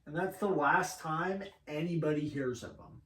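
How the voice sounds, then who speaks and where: A man's voice: a little high, normal speed, fairly bright tone, recorded from a distance. Agreeable man in an echoey room. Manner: agreeable, backs up his co-host. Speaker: podcast co-host. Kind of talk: casual chat. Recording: roomy sound from off-mic.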